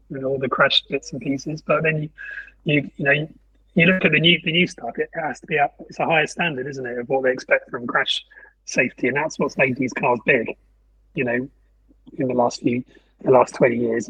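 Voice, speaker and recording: A man's voice: mid-range voice, fairly even intonation, a little fast, bright, forceful tone, slightly rough. A man chatting casually on a podcast, stumbling and restarting as he goes. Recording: muffled, distant from the mic.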